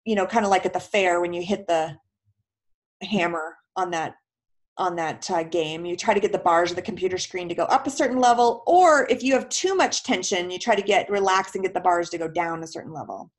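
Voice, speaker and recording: A woman's voice: fairly low pitch, brisk. A woman physical therapist explaining in a casual question-and-answer talk, chatty, with many filler words and homely comparisons.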